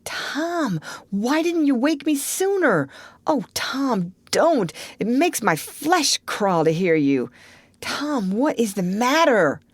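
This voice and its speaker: Woman voicing a frantic young boy, high and pleading. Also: big pitch swings, takes it slowly, no room sound, exaggerated voice. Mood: anxious. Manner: high, pleading, near tears. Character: anxious young boy, tattling little brother. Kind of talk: audiobook character voice.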